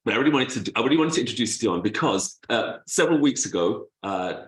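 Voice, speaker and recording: A man's voice: medium pitch, animated, quick pace, fairly bright tone, roomy sound, low-quality recording. Breathless man on a video call. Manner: chatty, laughs easily, restarts phrases. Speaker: guest introducer. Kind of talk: casual introduction on a video call.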